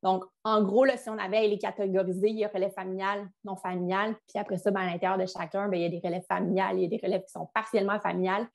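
Speaking very fast and barely pausing, this young Quebec French-accented woman delivers a webinar on a video call about business succession, which is her advisory field. Her mid-range, darkish voice has little pitch movement and some vocal fry, and her chatty delivery is full of restarts and fillers.

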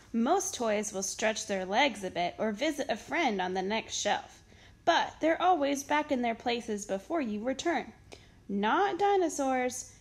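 A storytime reader, a woman with a voice on the high side, reads a children's picture book aloud in an expressive, dramatic storytelling manner.

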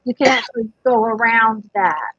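A woman's voice: fairly high pitch, animated, normal speed, fairly bright tone, breathy edge, dry recording. A woman casually talking through a craft demonstration, chatty and rambling with fillers. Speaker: craft instructor. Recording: dull lo-fi dry sound.

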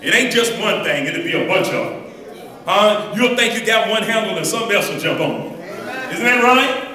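Captured from far off by a camera in an echoey church hall, an older pastor preaches on a handheld mic, walking before his congregation. His high voice has lively intonation and a moderate pace; he calls out "huh?" and draws colloquial call-and-response replies, with the crowd audible behind him.

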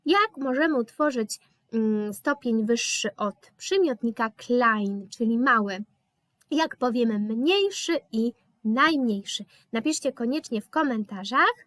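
Casting note: high-voiced woman with a Polish accent, patient German teacher, unhurried delivery. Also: animated, a bit bright, no room sound, studio quality. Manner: slow, patient explaining with hesitation fillers. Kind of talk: live online language lesson.

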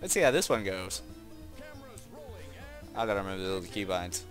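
A man casually commenting on his gameplay, rambling, giggling often and breaking into loud exclamations. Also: low-pitched, animated, moderate pace, faint music behind.

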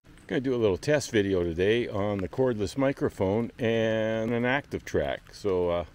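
Low-voiced older man musing aloud outdoors. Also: moderate pace, a little mellow. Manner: musing aloud to himself while walking. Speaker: vlogger testing camera gear. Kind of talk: casual off-the-cuff walking vlog. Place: outdoors on a wooded trail and roadside path. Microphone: wireless lapel mic and camera mic.

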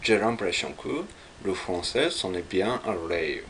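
A man's voice: low voice, expressive, slow, vocal fry, a bit bright, slight background noise. A man from Japan with a Japanese accent, carefully practicing French pronunciation and repeating it in Japanese, drilling syllables one by one. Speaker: French learner. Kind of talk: language practice monologue.

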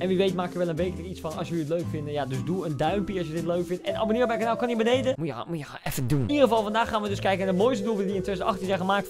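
A young man giving casual, excitable reaction commentary on football goals, swinging between loud outbursts and quiet muttering. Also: high voice.

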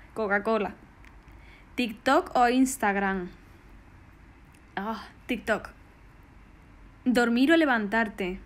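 A woman, bubbly and affectionate, casually answering fan questions on a phone live stream. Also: on the high side. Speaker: singer doing a live stream.

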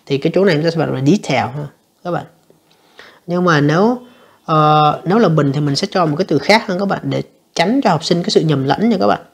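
A woman teacher, going through an English exam answer by answer and reading the English lines slowly. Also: low voice, gravelly, breathy edge. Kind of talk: exam review lesson.

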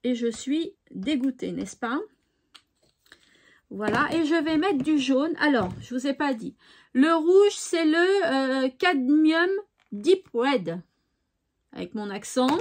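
A woman's voice: high voice, animated, unhurried, a little hiss or hum. A woman hosting a craft tutorial, chatting casually and thinking aloud with fillers. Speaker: craft channel host.

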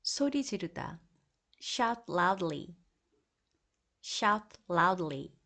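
A woman reading an English vocabulary drill as a teacher, saying each phrase twice in a slow, deliberate way. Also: fairly low pitch, expressive, fairly bright tone.

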